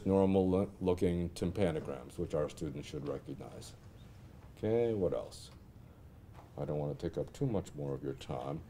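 A middle-aged American man giving an informal lecture with a software demonstration, thinking aloud and asking rhetorical questions. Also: deep voice, slight background noise. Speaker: instructor presenting clinical simulations. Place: indoor classroom at a lectern.

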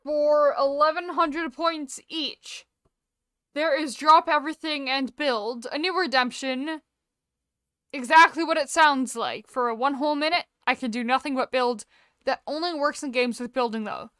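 Hosting a casual gaming livestream, a woman chats playfully, exclaiming and cutting herself off. Her high voice is pushed and bright, a bit slow. A close streaming mic with software compression leaves no room sound.

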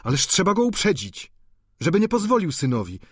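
A man's voice: medium pitch, animated, moderate pace, no echo, studio quality, close to an everyday voice. A man reading an audiobook, voicing an earnest young student who speaks in a raised, urgent voice. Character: earnest young male student, eager and anxious.

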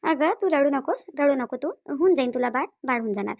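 A woman with a Varhadi Marathi accent voicing a calm female doctor in a cartoon, who keeps reassuring her patients. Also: high-pitched, a little fast, no echo. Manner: soothing, repeats reassurances.

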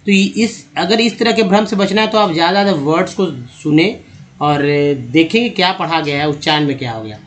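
A man's voice: high-pitched, brisk. A man giving an English pronunciation lesson in Hindi, explaining patiently and often restarting or repeating himself as he addresses viewers as friends. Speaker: English teacher.

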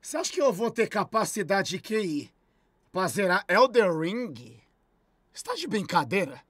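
Man streamer, irritated and sarcastic, swings his pitch widely, dry close sound. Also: very animated, moderate pace, a bit bright, no echo. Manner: irritated, sarcastic ranting with heavy swearing. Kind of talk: casual live-stream chat.

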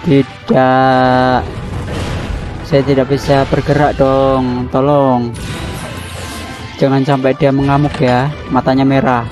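Excitable man commentating a video game. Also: mid-range voice. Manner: excitable, repeats words in quick bursts. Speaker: gameplay commentator. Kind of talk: casual let's-play commentary. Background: game music.

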